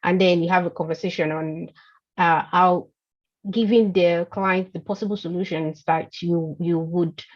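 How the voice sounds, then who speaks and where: Slow, halting woman on dull call audio. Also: fairly low pitch, steady tone. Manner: hesitant, halting phrasing. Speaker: workshop participant. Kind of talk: unscripted spoken answer in an online training.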